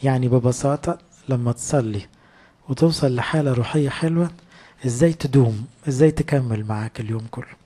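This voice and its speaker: Egyptian male preacher, rapid and conversational, husky low-key timbre. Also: warm tone. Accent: Egyptian Arabic. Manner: conversational, asks rhetorical questions. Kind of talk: sermon.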